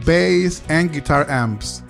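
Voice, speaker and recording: A man's voice: on the high side, takes it slowly, vocal fry, fairly bright tone, faint music behind. A man narrating a scripted live sound tutorial, upbeat and talking straight to the viewer. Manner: upbeat, direct, talks to the viewer. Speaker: live sound engineer teaching mixing.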